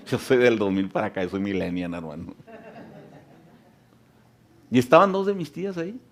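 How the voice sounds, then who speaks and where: A man's voice: fairly low pitch, very animated, moderate pace. A man in his thirties preaching a sermon, telling a story with laughter and then preaching with emphasis. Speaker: pastor.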